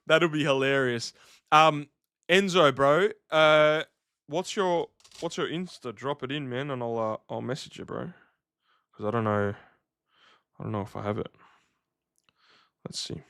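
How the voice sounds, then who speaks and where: A man's voice: mid-range voice, clear, resonant tone, no echo, clean studio sound. Man, streaming casually. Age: 30s. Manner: laid-back slangy, matey address. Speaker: livestream host. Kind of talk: casual livestream chat with viewers.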